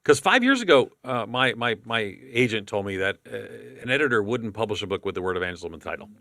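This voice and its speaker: A chatty male podcast host with a bright, forceful tone who rambles through restarts as he moves from thought to thought. The sound is dry and close, with no room behind it. His voice sits a bit low. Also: big pitch swings, quick pace, dry recording. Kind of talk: casual chat.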